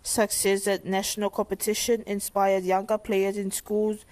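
A woman with a middling pitch and very little melodic movement. She delivers a measured comment that sounds prepared in advance. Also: little pitch movement, darkish tone, low-quality recording.

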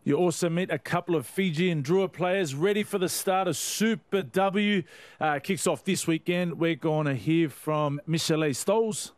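A man's voice: a little high, moderate pace, no echo. A male sports host with a casual, upbeat radio manner. The sound is dry and close, with very little room around the voice. He chats like someone at ease presenting a regular show.

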